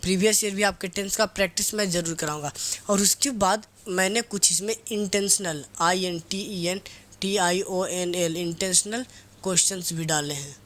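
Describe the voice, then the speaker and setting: A male teacher with a high, slightly bright voice leads a relaxed grammar lesson. He poses questions and answers them himself, repeats key words, and teasingly scolds the class.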